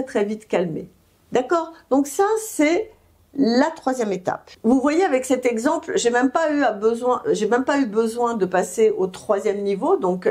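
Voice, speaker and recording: Woman, advice talk, slightly high pitch, didactic, hesitant fillers. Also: a little mellow. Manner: didactic, checks in with the audience often; hesitant fillers between phrases.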